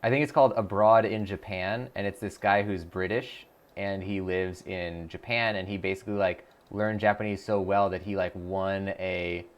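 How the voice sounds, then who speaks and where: Speaking in a low voice with fairly even intonation, a man streams live while working on a language app, keeping a moderate pace with few pauses. He chats loosely, thinking aloud with many fillers and restarts, and answers viewer messages after reading them aloud; the high frequencies in the audio are cut off.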